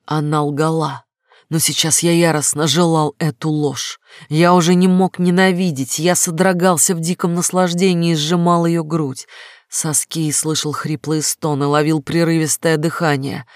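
A man's voice: on the high side, little pitch movement, moderate pace, dry recording, clean studio sound. A man giving a dramatic first-person narration of a novel, reading intensely and emotionally. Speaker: audiobook narrator.

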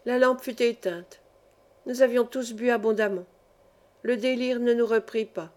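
A woman narrating a classic novel as an audiobook reader, measured and even. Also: on the high side.

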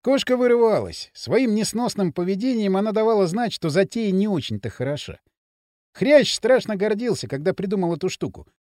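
A man narrating an audiobook in an expressive reading voice on a close mic. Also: high voice, brisk, no echo.

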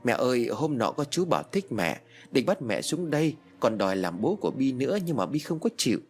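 A man's voice: medium pitch, big pitch swings, fairly quick, breathy edge, faint music behind. A man voicing the ghost of a small girl who is clingy, stubborn and tearful in a spoken ghost story. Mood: pleading. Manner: childish, pleading and stubborn.

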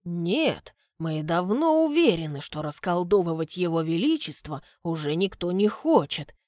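Woman playing a measured, courteous butler, slow and polite, a dry close read. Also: on the low side, sing-song, darkish tone, dry recording. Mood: calm, reasoning. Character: courteous, shrewd male butler, middle-aged.

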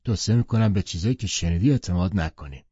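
A man's voice: sits low, mellow, breathy edge, dry recording, highs cut off. A man narrating an audiobook who voices an arrogant, domineering young rich man, speaking bluntly and condescendingly. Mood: curt.

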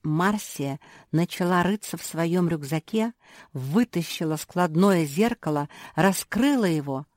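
A woman reads a children's story aloud as the narrator. She goes slowly, with a very lively, animated pitch. The recording is dry and close. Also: no echo. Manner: animated first-person narration.

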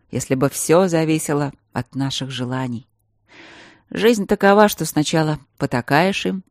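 Woman voicing a male mage, calm, teasing, lecturing, deep voice, dry recording, audiobook. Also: no echo. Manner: patient, gently mocking, lecturing.

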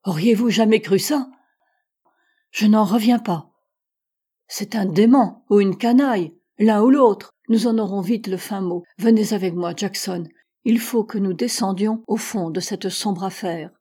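Indignant man in an audiobook, loud and stern, read by a woman; husky, warm tone. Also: mid-range voice, measured pace. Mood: outraged. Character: indignant male museum curator.

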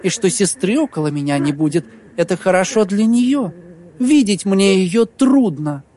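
Мужчина читает за расчётливую озлобленную молодую жену хозяина, уговаривая холодно и настойчиво. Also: male voice, high-pitched, animated, normal speed, mellow, pitched above the performer's own voice. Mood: persuasive. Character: scheming bitter young woman, innkeeper's wife.

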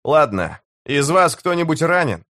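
Guy doing a proud young warrior chief, bold and bossy, pitched up high, dry close sound. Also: very animated, a little slow, bright, forceful tone, dry recording, full character voice. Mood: commanding. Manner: bold, declaiming, commanding.

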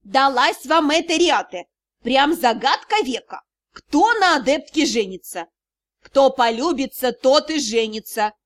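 A brisk, preachy goblin woman in a storybook, scolding a companion in a sharp high voice. A woman reading the audiobook puts her on. She sounds like she is handing out unwanted advice. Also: lively intonation. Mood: lecturing. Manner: lecturing, brisk. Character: bossy middle-aged female goblin.

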